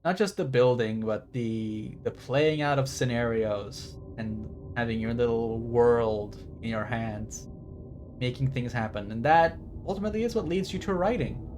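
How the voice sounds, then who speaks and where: A man livestreams a game, reading the on-screen text aloud and wandering off into rambling, enthusiastic chatter. His voice is mid-range and a little slow, with music playing behind him.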